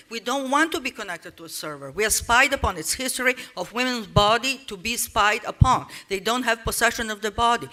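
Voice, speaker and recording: A woman's voice: mid-range voice, pushed and bright. A woman from Serbia, giving an informal, rambling conference talk full of restarts and "you know" asides. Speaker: speaker at a conference panel.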